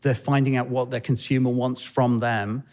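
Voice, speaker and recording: A man speaks as a podcast guest in a relaxed, thoughtful way. He often pauses and restarts his sentences. His pitch sits in the middle range for a man. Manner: thoughtful, hesitant, many fillers and restarts. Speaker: podcast guest, fashion designer. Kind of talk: conversational interview answers. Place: penthouse room in Manhattan.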